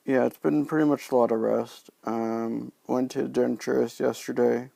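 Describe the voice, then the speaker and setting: A man talking in a casual video diary, halting and subdued as he recovers from oral surgery, his speech slightly impeded by new dentures and a sore mouth. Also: medium pitch, little pitch movement, vocal fry, mellow, dry recording. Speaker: vlogger sharing recovery from dental surgery.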